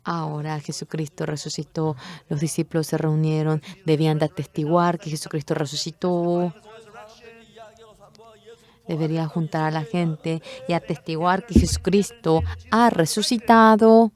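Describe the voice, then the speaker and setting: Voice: medium pitch, normal speed. A speaker interpreting a Bible sermon, telling the story expressively and acting out the quoted lines. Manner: expressive storytelling, acts out quotes and rooster calls.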